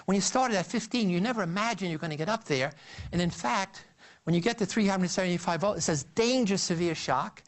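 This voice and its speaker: Animated male lecturer, higher-pitched. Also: fairly quick. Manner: animated storytelling with frequent restarts.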